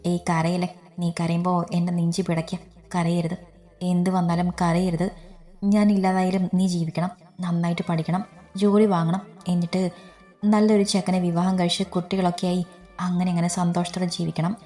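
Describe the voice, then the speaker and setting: A woman voicing a gentle young man who is worried but comforting, in a low, even storybook reading. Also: fairly quick, soft background music, natural voice. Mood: tender. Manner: soft, reassuring.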